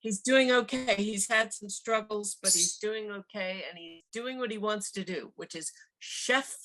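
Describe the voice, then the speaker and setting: A woman's voice: mid-range voice, a little slow. An older woman sharing memories on a video call, talking in a rambling way with many restarts. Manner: rambling, warm reminiscing with restarts. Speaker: former office worker sharing memories. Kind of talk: casual video call conversation.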